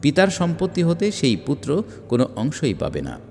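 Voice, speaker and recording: A man's voice: on the high side, wildly swooping pitch, a little mellow, slight background noise. Man reading an audiobook in a hall. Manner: measured, emphatic reading with rising rhetorical questions. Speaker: audiobook reader. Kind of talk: scripted religious book reading. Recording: long hall reverb.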